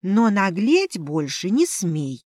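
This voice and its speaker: A woman's voice: medium pitch, very animated, slow pace, darkish tone, no room sound, studio quality. A woman voicing a sleepy, bewildered young heroine in an audiobook, asking indignant questions. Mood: stern.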